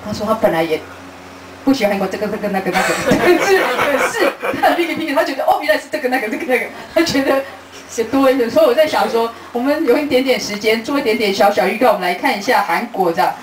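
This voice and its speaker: A middle-aged woman tells travel stories to an audience, acting out conversations and laughing as she goes. Her voice sits fairly high. She is recorded from a distance in a roomy space with faint hiss behind her. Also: fast talker. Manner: lively storyteller who acts out conversations, laughing often. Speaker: travel author giving a book talk. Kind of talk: live talk to an audience. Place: bookstore event room.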